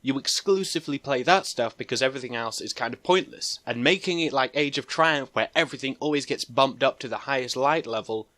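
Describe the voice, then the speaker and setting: A man's voice: mid-range voice, brisk, few pauses, a bit bright, no room sound. A young man giving loose, slangy and profane gaming commentary, rambling through his thoughts. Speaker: gaming video creator.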